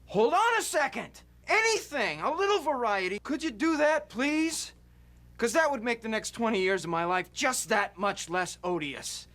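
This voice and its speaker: Exasperated coworker, pleading, animated pitch. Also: male voice, normal speed, heavily acted. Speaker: office worker. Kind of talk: film comedy acting.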